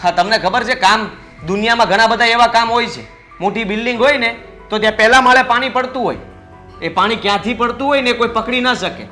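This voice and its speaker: A man's voice: very high-pitched, brisk, bright, forceful tone, soft background music. An actor playing a cocky, idle young married man who argues with his father in a mocking tone. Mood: defiant. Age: young adult.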